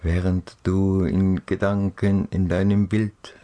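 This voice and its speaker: A man narrating a guided relaxation journey for children in a soft, dreamy, soothing way, with gentle pauses and a breathy, husky voice. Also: sits low, flat delivery.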